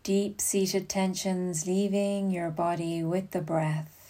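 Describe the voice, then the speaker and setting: In a fairly low, mellow voice with a level tone, a yoga nidra guide leads a meditation. She speaks slowly and soothingly, leaving long pauses between instructions.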